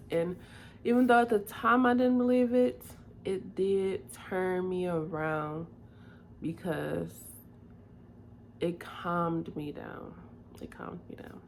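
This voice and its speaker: A woman speaks slowly in a lowish voice, confiding her thoughts to the camera in a casual video diary. She sounds weary and tearful, her words soft and unhurried. A faint hum of room noise sits behind her. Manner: slow, soft-spoken and confiding, drifting between calm and weary.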